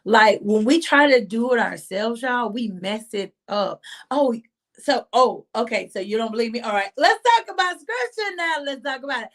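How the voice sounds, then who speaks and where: A woman hosting a live stream, giving an animated casual devotional talk and exclaiming often to her listeners. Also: a little high, normal speed. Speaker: host of a faith live stream.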